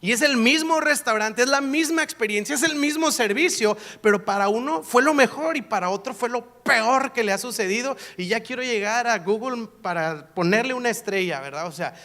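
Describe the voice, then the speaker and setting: A pastor preaching a sermon, telling a personal story in a lively, playful, self-mocking way. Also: male voice, very high voice, fairly quick, few pauses.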